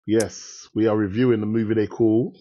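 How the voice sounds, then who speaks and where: A middle-aged man with a London accent co-hosting a casual film review chat, slangy and animated, repeating himself for emphasis. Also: on the low side, normal speed. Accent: British, London. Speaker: podcast co-host reviewing films. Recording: slightly dull, lo-fi sound.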